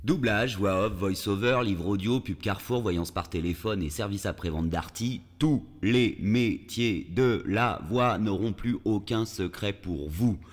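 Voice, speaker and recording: An actor playing a pompous, boastful, mocking dubbing coach in a comic audio fiction, with a French accent from France and a jokey, bragging manner. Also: male voice, lowish voice, measured pace, few pauses. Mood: showy, jokey. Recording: long reverberant echo.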